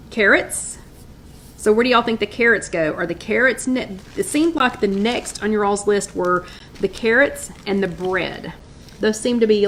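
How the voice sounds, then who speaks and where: A woman's voice: medium pitch, slight background noise, low-quality recording. A middle-aged woman hosting a casual live stream from her kitchen, chatting and reading viewers' votes aloud. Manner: chatty, upbeat, reads out viewer names and votes. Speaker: host of a live weight-loss chat.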